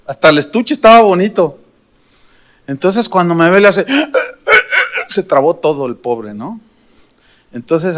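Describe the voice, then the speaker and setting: A middle-aged pastor with a Mexican accent, his voice sitting high for a man. He preaches in an animated, humorous way, telling stories and throwing questions at the congregation. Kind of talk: storytelling sermon.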